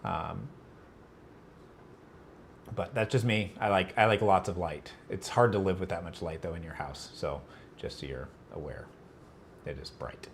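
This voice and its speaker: A man's voice: low-pitched, measured pace, vocal fry, long pauses, slight background noise. A man hosting a casual livestream Q&A, rambling with lots of fillers and restarts, fighting allergies. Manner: rambling, filler-heavy, self-correcting. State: allergies, about to sneeze. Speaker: livestream host answering chat.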